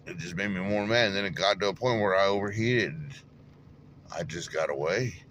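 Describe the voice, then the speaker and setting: Folksy deep-voiced man preaching casually. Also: a little fast, a bit bright, highs cut off, a little hiss or hum. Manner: folksy storytelling, laughs at himself, preachy asides. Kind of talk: casual devotional monologue.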